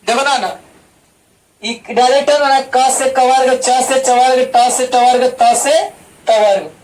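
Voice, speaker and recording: A man's voice: very high voice, fairly even intonation, takes it slowly, darkish tone. A man teaching an online class, drilling each point with repeated rhetorical questions. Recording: distant mic with faint background noise.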